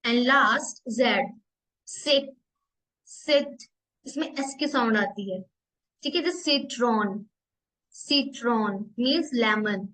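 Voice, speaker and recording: A high-pitched woman teaching a recorded language class, unhurried and deliberate. She says each letter sound over and over so learners can follow, and reads the English parts especially slowly. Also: bright, forceful tone, low-quality recording. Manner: repeats each sound several times, slow and deliberate with drawn-out English reading. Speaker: German language instructor. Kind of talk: recorded language lesson in Hindi-English mix.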